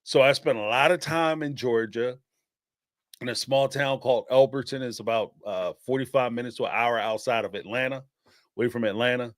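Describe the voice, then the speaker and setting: A brisk, mid-range male voice, clean studio sound, no echo. The speaker is a Philadelphia-accented live-stream host from the Northeastern US taking call-ins, chatting casually in an animated, rambling style with many fillers and frequent laughter.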